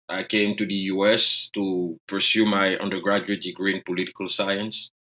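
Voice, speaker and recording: On a low-quality recording, a deep, bright, forceful male voice belongs to an Ivorian economist in his thirties whose native language is French. As a podcast interview guest, he recounts his own story in a reflective, self-deprecating manner.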